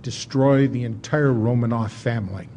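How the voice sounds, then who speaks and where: A man giving an informal history lecture as a storyteller, in a folksy, conversational way with dramatic pauses. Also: mid-range voice, warm tone, a little hiss or hum.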